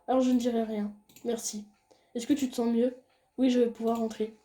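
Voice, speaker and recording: A young woman reading a visual novel aloud and chatting casually about the game as she plays. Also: fairly quick. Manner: reads game dialogue in a soft low voice, chats loudly and excitedly between scenes. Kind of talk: casual let's-play commentary.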